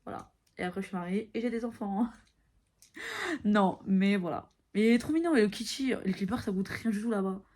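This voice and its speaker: A woman's voice: medium pitch, brisk, darkish tone. A woman in her early twenties chatting casually to camera, tired and mixing English phrases into her talk. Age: early 20s. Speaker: vlogger.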